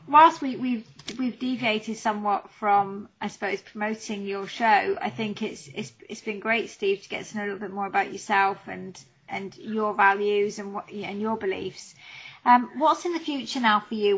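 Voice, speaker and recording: British woman in her middle years doing a chatty interview, husky voice, medium pitch. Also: steady tone, normal speed, fairly bright tone, low-quality recording. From United Kingdom. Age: middle-aged. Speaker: radio interviewer. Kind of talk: conversational interview.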